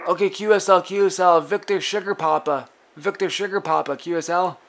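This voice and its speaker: Speaking a little fast in a high, steady voice, a man working as an amateur radio operator trades signal reports and call signs, repeating his phrases. The recording is from an indoor radio desk in a noisy room full of static and hiss.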